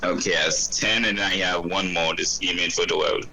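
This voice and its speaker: A man's voice: low-pitched, steady tone, moderate pace, vocal fry, pushed and bright, slight background noise, low-quality recording. A man playing a tabletop game, chatting casually as he works through his turn. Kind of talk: casual chat.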